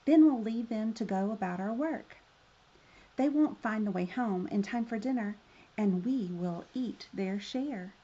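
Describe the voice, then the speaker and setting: A woman's voice: medium pitch, a little slow, dark tone, slightly rough, muffled recording. A woman reading the part of a cold-hearted stepmother in a storybook, curt and scolding. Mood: cold, scheming. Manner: curt, bossy.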